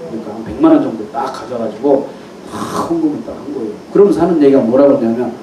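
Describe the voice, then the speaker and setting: A middle-aged male pastor telling stories from the pulpit in a chuckling, animated way. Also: mid-range voice, fast, a crowd in the background. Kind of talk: storytelling sermon. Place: church hall at a mission conference. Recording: echoey hall, mic far off, faint hiss.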